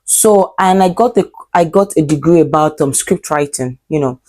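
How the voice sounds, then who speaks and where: At a moderate pace and in a deep, mellow voice, a twenty-something Nigerian woman who vlogs and teaches English chats to camera. She rambles, leaning on fillers and fixing her own wording.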